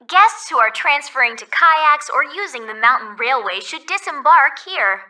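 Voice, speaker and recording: In a heavily acted performance, a woman plays a courteous, upbeat ferry guide at a video game resort, reading scripted announcements in a polite, instructive tone. Her high voice sounds pushed and bright, and the mic is a little distant.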